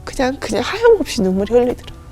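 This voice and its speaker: A woman with a high but mellow voice tells her story as a guest in a TV studio. She talks in an animated way and acts out the lines of the people in it. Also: racing, soft background music. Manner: animated, acts out remembered dialogue. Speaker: guest singer giving a testimony. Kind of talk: emotional testimony storytelling. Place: TV talk show studio.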